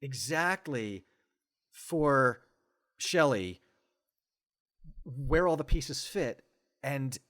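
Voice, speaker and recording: A man's voice: medium pitch, expressive, drawn-out words, pauses often, a bit bright, dry recording, studio quality. A man in his forties, a podcast guest, talking with enthusiasm and many stammering restarts in casual conversation.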